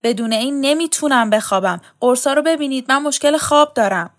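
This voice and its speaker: A woman's voice: medium pitch, natural voice. A woman voicing an anxious middle-aged man who pleads and defends himself. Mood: pleading.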